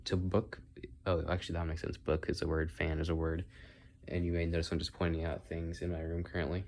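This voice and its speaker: A man's voice: low-pitched, monotone, fairly quick, a little mellow. A man with whistling s sounds, rambling casually and thinking aloud as he goes from one aside to the next. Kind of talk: casual rambling solo monologue. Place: indoors in own room.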